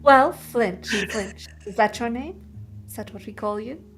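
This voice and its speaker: A woman's voice: fairly high pitch, a little slow, faint music behind. A woman playing a tabletop game, speaking in a formal, lecturing manner in character.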